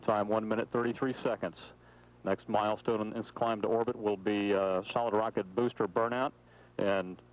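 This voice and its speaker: A man's voice: lowish voice, fairly even intonation, normal speed. A man giving flight commentary over mission control radio in clipped, matter-of-fact status reports. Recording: dull, noisy mission control radio feed.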